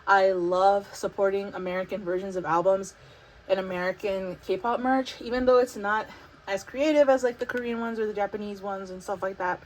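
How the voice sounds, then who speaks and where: A woman's voice: mid-range voice, slight background noise, poor audio. Breathless chatty young woman vlogging. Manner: chatty, excited, many fillers and laughs. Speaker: vlogger unboxing an album. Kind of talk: casual chat.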